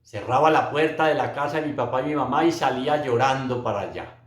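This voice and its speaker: A man's voice: mid-range voice, a little fast. A middle-aged man giving an earnest, emotional religious testimony, speaking straight to his listeners. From Colombia. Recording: roomy echo.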